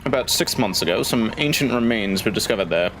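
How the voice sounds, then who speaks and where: A man voicing a proper, formal English gentleman professor from a video game, speaking in a measured, polite way. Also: fairly low pitch, expressive, faint music behind.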